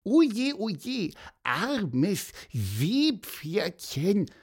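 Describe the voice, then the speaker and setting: A storyteller voicing a small, excitable, nosy bird with a high, squeaky voice. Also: extremely slow, slightly rough, exaggerated voice. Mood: pitying.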